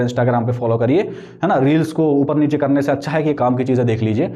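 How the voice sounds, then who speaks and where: A young man walks viewers through exam preparation in a relaxed, conversational lesson. His voice sits a little higher than most men's, and he keeps checking in with short tag questions as he goes. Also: highs cut off. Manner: conversational, frequent tag questions, mixes English terms into Hindi. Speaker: exam coaching vlogger. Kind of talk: casual explanatory exam advice.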